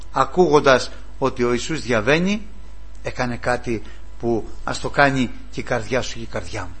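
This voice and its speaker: A man preaching a sermon, impassioned, moving from loud cries to hushed pleading. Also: a little high, slightly rough.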